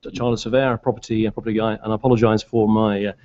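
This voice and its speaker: A middle-aged man from Glasgow with an anglicised British accent, giving a halting, unscripted speech at a public meeting. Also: lowish voice, level tone, darkish tone. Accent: British, anglicised by years in southern England. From Glasgow, Scotland. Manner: halting, hesitant. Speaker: board candidate addressing fans. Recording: dull, lo-fi meeting recording.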